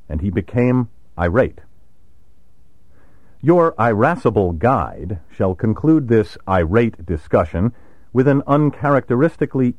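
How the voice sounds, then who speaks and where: A man's voice: mid-range voice, dry recording. A man giving a scripted vocabulary lesson, wry and precise, spelling words out letter by letter. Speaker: vocabulary teacher. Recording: dry, slightly dull recording.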